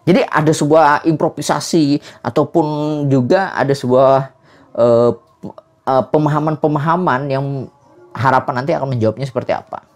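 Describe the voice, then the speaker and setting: A man from South Kalimantan, explaining traditional theater in a lively way, with frequent "eh" fillers. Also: mid-range voice, normal speed, soft background music. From South Kalimantan, Indonesia. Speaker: cultural presenter.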